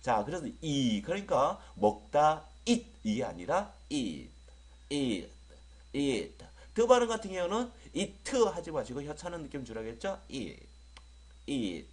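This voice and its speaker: A man teaches English vowel sounds in an online lecture. His voice moves up and down a lot. He repeats each word slowly with long vowels and jokes with his students, whom he calls friends. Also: on the high side, big pitch swings.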